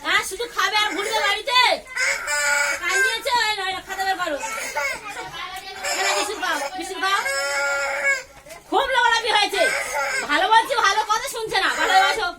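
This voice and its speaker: A woman's voice: extremely high pitch, fairly quick, pauses often. A woman teacher in a busy classroom, coaxing and scolding a crying child with repeated commands. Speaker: school teacher. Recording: loud classroom crowd noise. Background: children crying and chattering.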